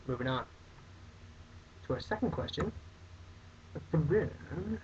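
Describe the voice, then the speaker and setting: A man's voice: a little high, animated, unhurried, darkish tone. A young man hosting a casual comedic vlog, answering viewer questions in a rambling, mock-outraged way. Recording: dull lo-fi webcam audio, faint hiss.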